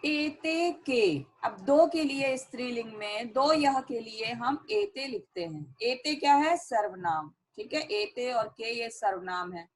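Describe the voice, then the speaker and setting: A woman teacher explaining a language lesson, reading each sentence and then repeating its meaning slowly and clearly. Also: fairly high pitch, animated, poor audio. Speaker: Sanskrit teacher.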